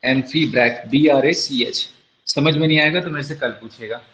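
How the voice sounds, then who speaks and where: In this classroom lecture, a male teacher with a medium-pitched, slightly bright voice speaks a little slowly, with a faint hiss or hum in the background. He quizzes the class and supplies the answers himself, sometimes spelling words letter by letter. The room echoes and the sound is dull and lo-fi.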